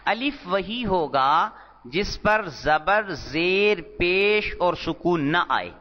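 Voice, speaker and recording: Man, lecture recording Urdu Arabic teacher, slightly high voice. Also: animated. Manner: slow deliberate explanation, repeating terms. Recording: dull lo-fi audio in a reverberant hall.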